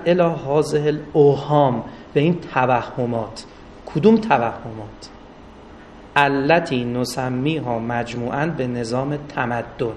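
A man giving a religious lecture with stories, rising for emphasis and drawing out recited Arabic phrases. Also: medium pitch. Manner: animated, rises for emphasis, drawn-out Arabic recitation. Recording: distant mic with faint noise.

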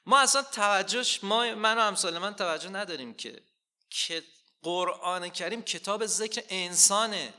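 A man preaching a sermon, asking rhetorical questions and slowly quoting scripture with rising emphasis. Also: high-pitched, animated, pushed and bright.

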